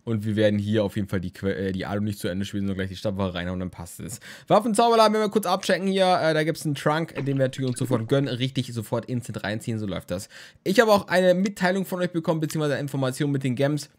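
A sleepy young man hosts a let's play from his home desk mic, his medium-pitched voice quick and expressive. Having just woken from a nap, he's tired, and his casual game commentary rambles along, jokey and full of crude humor.

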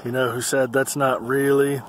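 A man's voice: mid-range voice, level tone, moderate pace, poor audio. A man vlogging from a car on a road trip, joking and teasing with laughs between lines. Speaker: travel vlogger. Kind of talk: casual chat on a road trip. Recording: loud road noise.

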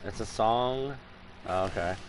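A man's voice: fairly low pitch, unhurried, a little hiss or hum. A man hosting a casual gaming video, chatting in a goofy, joking, slangy way with a friend. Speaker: gaming channel host.

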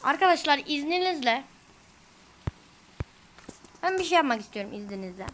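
Woman, fairly high voice, casual gameplay commentary, grumbling, exclaiming, easily frustrated, faint background noise. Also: very animated, normal speed, a bit bright, rough recording. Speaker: gamer.

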